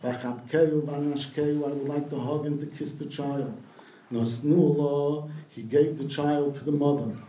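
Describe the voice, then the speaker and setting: A man's voice: on the high side, steady tone, unhurried, mellow, roomy sound, distant mic, poor audio. A man giving a sermon, retelling a midrash and translating Hebrew quotes as he goes. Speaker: rabbi giving a talk.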